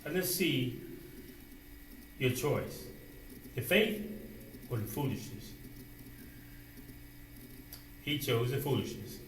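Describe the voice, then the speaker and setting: A man preaching a sermon, asking rhetorical questions and dropping suddenly to a quiet voice. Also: medium pitch, expressive, takes it slowly, recorded from a distance, a little hiss or hum. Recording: roomy echo, voice away from the mic, faint ambience.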